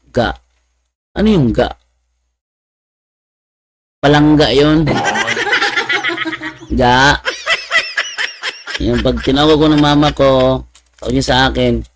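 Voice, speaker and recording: A man's voice: medium pitch, dry recording. A man telling funny stories in a casual talk, laughing often and raising his voice when he mimics other people. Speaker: speaker telling church stories.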